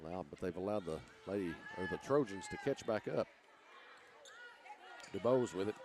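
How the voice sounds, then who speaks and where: A man's voice: low voice, expressive, noisy background. Terse man calling a basketball game. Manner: rapid terse play calls, rising when shots fall. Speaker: play-by-play announcer. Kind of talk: basketball play-by-play commentary.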